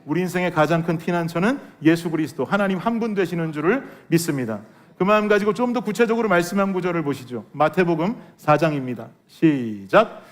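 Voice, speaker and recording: A man's voice: a little high, expressive, fairly quick. A man preaching a Korean sermon as pastor, earnest and full of rhetorical questions to the congregation. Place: church sanctuary.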